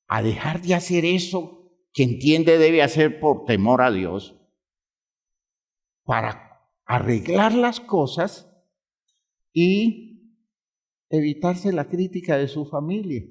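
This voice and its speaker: A man preaching a sermon as a pastor, drawing out phrases for emphasis and asking the congregation rhetorical questions. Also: on the high side.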